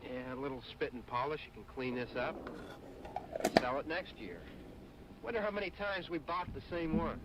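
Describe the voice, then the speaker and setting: A man's voice: a little high, normal speed, muffled recording, heavy background noise, natural voice. An actor playing a teasing young man who mocks his frightened sister, from an old film soundtrack. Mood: grumbling. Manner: mocking, taunting.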